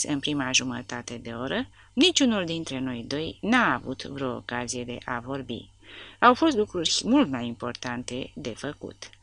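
A woman reads an audiobook aloud with lively, expressive storytelling. Her voice is low and gravelly, with a bright, forceful edge and wide swings in pitch. The sound is dry and close. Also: dry recording. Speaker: audiobook narrator. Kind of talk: scripted audiobook narration.

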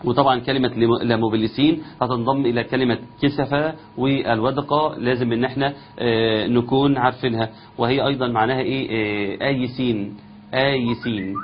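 A man with an Egyptian Arabic accent teaching tajweed. He explains the rules quickly in a conversational way and slows down to chant the verses. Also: medium pitch, steady tone, lo-fi sound, slight background noise. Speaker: Quran recitation teacher. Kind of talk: tajweed lesson with chanted recitation.

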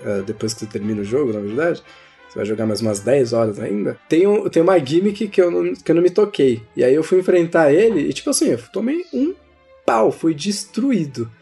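A young man speaks with a Brazilian Portuguese accent in a casual, slangy podcast chat. His voice sits a little high and has some gravelly fry. Music plays softly behind him. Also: expressive, a little fast. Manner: informal, slangy storytelling. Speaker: gaming podcast host. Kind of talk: casual chat about video games. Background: background music.

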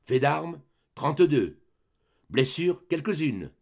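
A man's voice: on the high side, big pitch swings, slow, creaky, darkish tone, heavily acted. A man reading the part of a boastful old grenadier sergeant, declaiming rhythmic verse in a dramatic reading of a play. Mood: proud.

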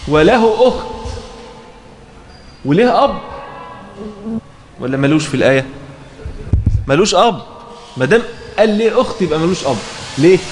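A man with an Egyptian Arabic accent teaches a fiqh text to students, reading passages aloud, then explaining them with frequent check questions. His voice sits high with a darkish tone, and he's expressive and fairly quick, pausing often, in a room with echo and faint background ambience.

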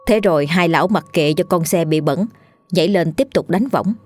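A woman narrating a ghost story in a lively, dramatic way. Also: on the low side, moderate pace, faint music behind.

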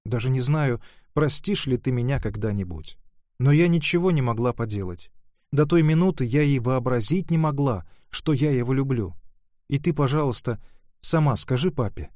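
A man's voice: medium pitch, animated, normal speed, darkish tone, no room sound, close to an everyday voice. Guy doing a young girl in love, breathless and pleading, dry close sound. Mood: dejected. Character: young woman in love, earnest, emotional daughter.

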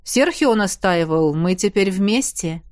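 A woman voicing a tall, friendly male celebrity actor who talks in a relaxed, chatty way. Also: medium pitch, measured pace, no echo, clean studio sound, natural voice.

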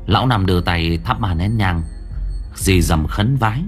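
A man narrating an audiobook story, with lively storytelling rises and falls. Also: low-pitched, moderate pace. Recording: narration over faint background music.

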